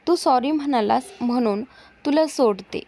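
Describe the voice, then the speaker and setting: A woman's voice: high voice, moderate pace, mellow. Woman playing a cheeky bold young woman. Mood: playful.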